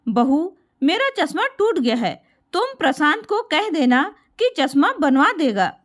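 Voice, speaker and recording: A woman voicing a meek, quiet elderly mother who asks gently. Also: high-pitched, big pitch swings, unhurried, heavily acted.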